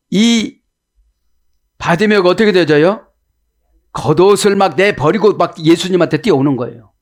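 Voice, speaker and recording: A male pastor preaching an expository sermon, constantly asking his listeners rhetorical questions and acting out the quotes he reads. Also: darkish tone. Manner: acts out the biblical quotes with shifts in pitch.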